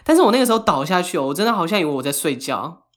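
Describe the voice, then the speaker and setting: A man's voice: a little high, sing-song, rapid-fire, a bit bright. A man co-hosting a podcast, telling a story in casual chat with frequent laughter and English phrases mixed in. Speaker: podcast co-host.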